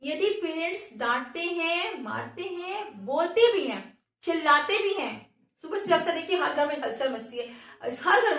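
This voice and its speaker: Woman teacher, high voice, earnest lecturing talk, echoey room, distant mic. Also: a bit bright. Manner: earnest, lecturing, tells a story. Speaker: government school teacher. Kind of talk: motivational talk to parents.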